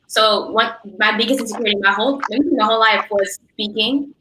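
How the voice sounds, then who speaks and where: Bright, effusive woman in an echoey room. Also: mid-range voice. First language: not English. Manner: effusive, emphatic repetition. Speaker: interview panel host. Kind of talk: casual interview chat. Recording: roomy echo, faint noise.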